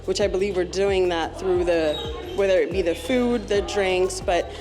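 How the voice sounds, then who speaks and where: A woman from Ethiopia, now a cafe owner, explains her business in an interview. Her voice sits fairly low and her manner is warm and earnest. Clear background music plays under her speech. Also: fairly even intonation, moderate pace.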